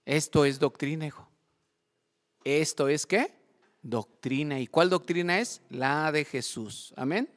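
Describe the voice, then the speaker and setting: Pastor preaching in a reverberant hall. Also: male voice, a little high, unhurried. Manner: quizzes the congregation with call-and-response questions. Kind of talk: sermon. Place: church service.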